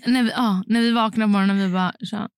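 A woman's voice: medium pitch, steady tone, clean tone, no echo, clean studio sound. A young woman co-hosting a podcast in casual chat, telling stories and acting out the dialogue. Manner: chatty storyteller who jumps into quoted dialogue. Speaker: podcast co-host.

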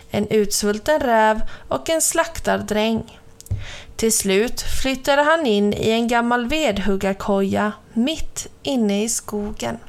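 A woman reading children's stories aloud in a gentle, lilting storytelling manner. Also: a little high.

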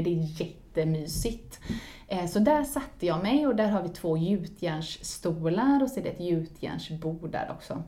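A woman in casual spoken storytelling who laughs often and swings into lively exclamations. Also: lowish voice. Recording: roomy echo.

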